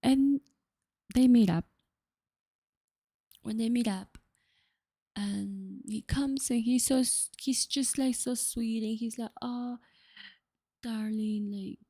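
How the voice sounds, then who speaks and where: A woman's voice: a little high, fairly even intonation, takes it slowly, long pauses, warm tone, husky, no echo, clean studio sound. A woman casually retelling a story in ASMR style, with lots of "like" and frequent drops into a whisper.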